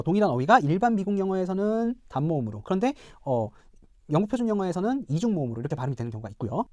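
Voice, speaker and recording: A middle-aged man, a professor, giving a recorded pronunciation lecture, explaining step by step, repeating example words slowly and asking checking questions. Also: a little high, dark tone, no room sound, clean studio sound. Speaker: professor teaching English pronunciation.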